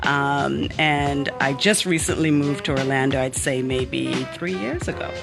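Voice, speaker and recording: Over background music, a woman with an extremely low, gravelly voice speaks unhurriedly. Born in Miami and raised in the Bahamas, she is an author being interviewed in a personal conversation, sounding earnest and reflective and saying "um" often.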